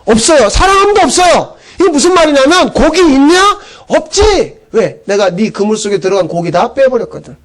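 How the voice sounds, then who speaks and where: A middle-aged male pastor giving a conversational sermon, chatty and animated, acting out voices as he goes. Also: very high-pitched, fairly quick, hardly any pauses.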